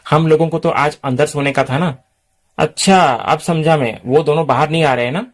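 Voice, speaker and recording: A man's voice: fairly high pitch, normal speed, close to an everyday voice. A brash young man full of street slang and jeers, read out by a reviewer in his own voice. The delivery stays close to an everyday speaking voice. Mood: mocking.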